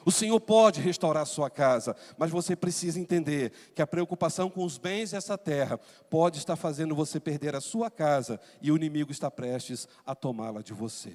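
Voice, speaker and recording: A middle-aged Brazilian man preaching a sermon as pastor, with emphatic delivery, dramatic pauses and rising shouts. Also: on the high side. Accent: Brazilian Portuguese. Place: large church sanctuary. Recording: long hall reverb in a church.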